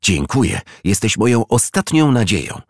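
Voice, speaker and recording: A man's voice: lowish voice, big pitch swings, normal speed, no echo, studio quality, pitched above the performer's own voice. A man voicing a frog baroness, a distressed and weary woman, in a raised pleading tone. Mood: despairing.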